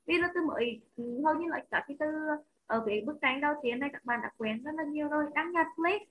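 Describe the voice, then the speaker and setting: A woman English teacher with a Vietnamese accent, slowly and clearly modelling words for children in an online lesson. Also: high-pitched, a little hiss or hum, poor audio. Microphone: computer mic on a video call.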